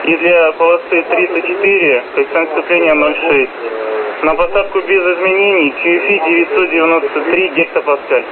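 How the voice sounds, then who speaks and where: A man's voice: on the high side, fairly even intonation, moderate pace, a loud crowd. A man working as an air traffic controller, giving clipped procedural instructions over a radio. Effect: radio transmission. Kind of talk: procedural aviation radio communication. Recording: noisy narrow-band aviation radio.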